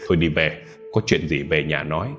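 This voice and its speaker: A man voicing a gruff, hot-tempered older uncle, scolding in a deep voice. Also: steady tone, brisk, fairly bright tone, muffled recording, soft background music.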